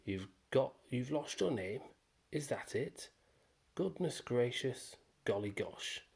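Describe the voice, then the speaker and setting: A hairy storybook troll, as a man puts him on booms slowly and loudly in a very posh, husky voice. He is gruff on the surface but kindly underneath. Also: lively intonation, exaggerated voice. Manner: loud, slow and booming, very posh.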